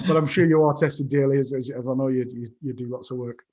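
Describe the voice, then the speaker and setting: A man's voice: medium pitch, steady tone, brisk, darkish tone. Enthusiastic man, dull audio. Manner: enthusiastic, rambling with restarts. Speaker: webinar host. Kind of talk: webinar hosting and announcements.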